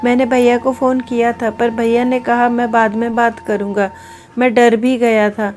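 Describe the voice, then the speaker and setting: A tearful teenage schoolboy pleads and apologizes, as a woman reading the story puts him on. The voice sits high, and faint music plays behind the storybook reading. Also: flat delivery, normal speed, darkish tone, close to an everyday voice. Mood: pleading. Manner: pleading, sobbing delivery.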